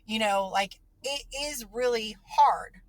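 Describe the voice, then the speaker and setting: A woman's voice: a little high, takes it slowly. A woman hosting a podcast and talking about her child, earnest and emotional, full of fillers and restarts. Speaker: podcast host and parent. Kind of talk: casual conversation.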